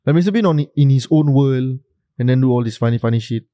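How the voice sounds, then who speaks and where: A relaxed man talks in colloquial Malaysian-Singaporean slang English, tossing in local particles and swearing. His voice is mellow and closely recorded with a dry sound. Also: mid-range voice, quick pace, dry recording, highs cut off.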